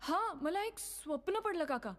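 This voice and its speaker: An actress playing a flustered, startled young wife in a film comedy. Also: female voice, extremely high pitch, lively intonation, a little slow. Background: film score music.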